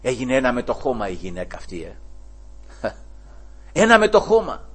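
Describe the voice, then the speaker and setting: A man preaching a sermon. He calls his listeners "brothers" and keeps coming back to praise of the Lord. He swings between loud raised exclamations and hushed, low asides. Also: wildly swooping pitch, breathy edge. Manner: repeats "brothers" and "glory to the Lord" as refrains.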